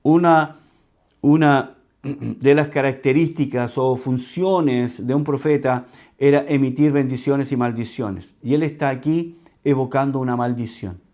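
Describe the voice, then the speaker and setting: A man from Chile, a pastor, preaching a sermon with slow, emphatic teaching that repeats key words. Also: mid-range voice, warm tone.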